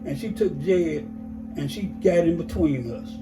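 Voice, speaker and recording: An older man recounts his life story in a casual interview, his slightly high voice at normal speed. He rambles with many "you know"s and acts out remembered dialogue, while loud music plays behind him and the audio quality is poor.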